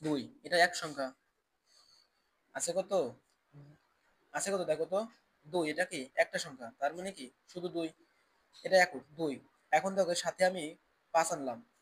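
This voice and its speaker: A man's voice: fairly high pitch, measured pace, long pauses, fairly bright tone, breathy edge. A man teaching a children's math lesson, asking questions and answering them himself in a repetitive drill.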